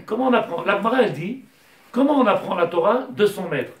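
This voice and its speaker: A man teaching a Torah lesson with passion, his voice climbing to near-shouting as he mixes in Hebrew terms. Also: high-pitched, expressive, quick pace. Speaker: rabbi teacher. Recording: echoey room, mic at a distance.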